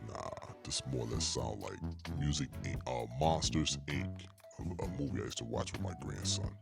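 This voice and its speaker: An older man talking casually through a voice changer that morphs his voice low and monstrous, rambling and correcting himself as he demos it. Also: lively intonation, moderate pace, vocal fry, over loud music, heavily acted. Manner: offhand, rambling self-corrections. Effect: voice changer deepening and morphing his voice. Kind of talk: casual product demo.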